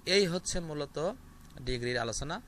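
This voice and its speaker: A man's voice: on the high side, lively intonation, moderate pace, a bit bright, slight background noise. A man teaching an English grammar lesson, explaining step by step with repeated examples and hesitant fillers.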